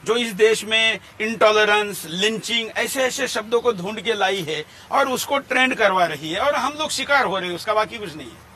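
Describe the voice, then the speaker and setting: High bright-voiced man pressing questions. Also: moderate pace, a little hiss or hum. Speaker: TV news interviewer. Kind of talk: confrontational interview.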